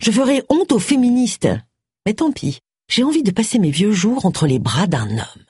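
A woman's voice: mid-range voice, very animated, normal speed, mellow, slightly rough, no room sound, studio quality, pitched above the performer's own voice. A reader voicing a brusque, wry middle-aged woman private detective in an audiobook. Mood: firm, wry. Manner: firm, impatient.

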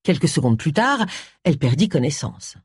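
A man's voice: a little high, sing-song, moderate pace, breathy edge, no echo, clean studio sound. A man narrating an audiobook expressively, voicing all the parts himself. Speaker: audiobook reader.

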